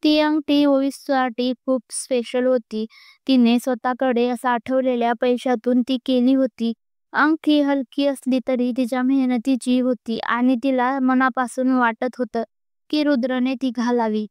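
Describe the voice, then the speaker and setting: Woman narrator, storybook romance, high and steady, very clear, dry close sound. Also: a little slow, no room sound. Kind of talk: scripted narration.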